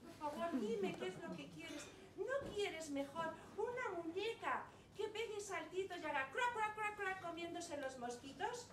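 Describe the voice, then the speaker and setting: A soft frog queen coaxes and pleads in a sing-song lilt, as a woman storyteller puts her on. Her voice rises high and swings freely. The echoey room is heard from a distance. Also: lively intonation, a little slow, few pauses. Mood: pleading. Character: pleading tearful frog queen, gentle mother. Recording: echoey room, distant mic, ambient noise.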